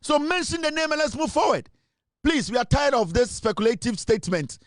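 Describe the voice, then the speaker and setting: Forceful high-voiced Ghanaian man. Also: animated, brisk, dry recording, clean studio sound. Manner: forceful, insistent, mixes English and Twi. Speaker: political commentator. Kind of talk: impassioned monologue.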